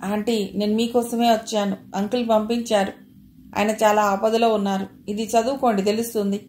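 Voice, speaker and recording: A woman reading the part of a confident young woman who takes charge with brisk, steady speech, in a roomy recording with faint ambience. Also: medium pitch, slight background noise, natural voice. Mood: urgent.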